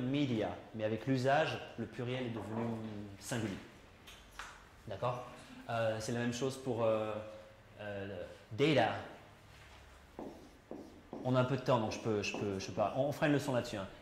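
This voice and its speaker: Guy teaching english to a class, chatty, keeps asking the room questions, echoey classroom with a bit of noise. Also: mid-range voice. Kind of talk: classroom lesson. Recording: roomy classroom echo, faint noise.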